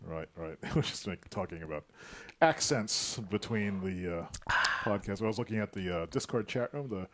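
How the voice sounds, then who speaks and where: An easygoing male podcast host chatting at home. His voice sits low but moves in lively swings, and he rambles, often restarting his sentences. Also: normal speed, a little hiss or hum. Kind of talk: casual chat. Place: his own house.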